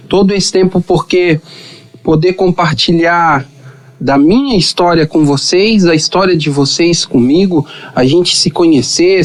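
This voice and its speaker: A man's voice: fairly high pitch, darkish tone. A man hosting a podcast in casual conversation, chatty and full of questions. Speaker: podcast host.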